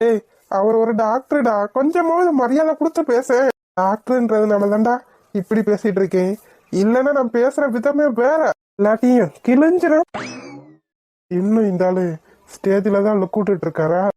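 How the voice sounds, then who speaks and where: Woman voicing joking cartoon guys, mellow tone, bit high, mocking banter, dry sound. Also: expressive, moderate pace, no echo, natural voice. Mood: teasing. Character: teasing young men at a family function. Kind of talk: cartoon voice acting.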